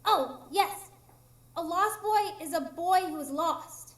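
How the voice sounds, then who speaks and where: In a live radio drama recorded on stage in an echoey room, a woman plays a tiny, mischievous fairy. Her exaggerated voice is very high, slow and fairly bright, and she sounds childlike, teasing, blunt and matter-of-fact.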